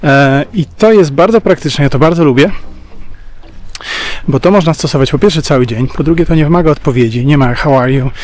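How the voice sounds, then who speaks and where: A man's voice: a little high, a little fast, a little mellow. Chatty man vlogging outdoors. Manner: chatty and explanatory, with thinking-aloud fillers. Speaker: travel vlogger. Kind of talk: casual travel vlog. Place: outdoors at a remote campsite.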